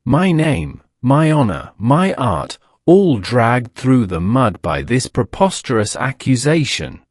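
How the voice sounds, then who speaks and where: A man's voice: mid-range voice, big pitch swings, slow pace, dry recording, clean studio sound. A man voicing a theatrical, indignant French illusionist with a thick, resonant accent.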